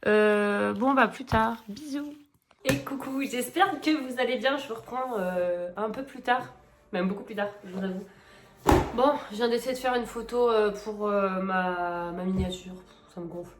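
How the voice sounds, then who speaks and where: A woman's voice: mid-range voice, normal speed, background noise. A middle-aged woman chatting casually in a coloring vlog, rambling with many fillers and restarts. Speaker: coloring vlogger. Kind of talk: casual chat.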